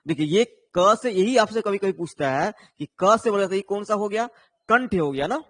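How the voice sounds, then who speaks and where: A man's voice: sits high, animated, normal speed, a bit bright, no room sound. A man teaching an online exam-prep lesson, explaining patiently and often checking in with his viewers. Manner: explains patiently, tags lines with "है ना", answers viewers' comments.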